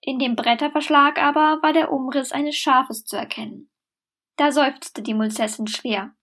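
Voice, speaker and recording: A woman's voice: high voice, steady tone, normal speed, a bit bright. A woman narrating a scripted, satirical fairy tale in a dry, mock-solemn way. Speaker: storyteller.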